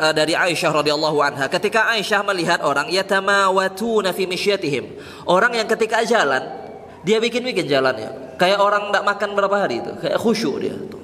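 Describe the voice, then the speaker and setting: A man, an ustaz, gives a casual sermon in a mosque, speaking conversationally and reciting Arabic quotes slowly. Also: sits high, pushed and bright. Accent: Indonesian. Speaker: ustaz giving a mosque study session. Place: mosque hall. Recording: reverberant mosque hall with faint background noise.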